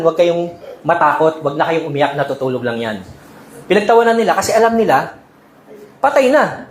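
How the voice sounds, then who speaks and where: A male pastor preaching a sermon in a conversational way, often checking in with the congregation and mixing in English. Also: high-pitched. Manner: mixes Tagalog and English. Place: church sanctuary. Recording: echoey church hall with faint ambience.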